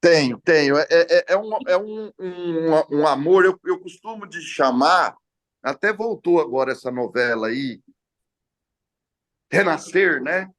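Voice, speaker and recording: A man in a relaxed interview over a call, telling long stories with hesitations and restarts. His voice sits a little high for a man. The sound is dry, with no room echo. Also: a little slow. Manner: relaxed, storytelling with frequent hesitations. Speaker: entrepreneur interviewee. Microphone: phone or video call.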